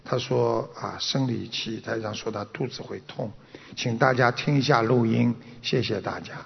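A man's voice: medium pitch, normal speed, gravelly. A man giving a Buddhist sermon to a seated audience, telling stories, acting out the quotes and chuckling. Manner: storytelling, acts out quotes, chuckles. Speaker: Buddhist master. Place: lecture hall with audience. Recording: dull recording in an echoey hall.

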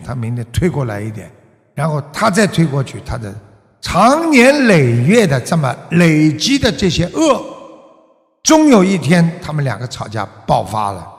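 Lively gravelly male Buddhist teacher preaching. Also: mid-range voice. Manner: asks the audience many rhetorical questions; ends phrases with a drawn-out 'ah' particle. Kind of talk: Buddhist sermon to followers. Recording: long reverb of a large hall.

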